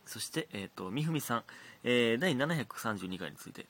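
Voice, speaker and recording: A man in his thirties with a Kansai accent and a slightly hoarse throat, chatting casually alone as a podcast host reading listener letters, laughing often and dropping to mutters. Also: mid-range voice, animated, normal speed, fairly bright tone. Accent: Kansai Japanese. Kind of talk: casual solo chat.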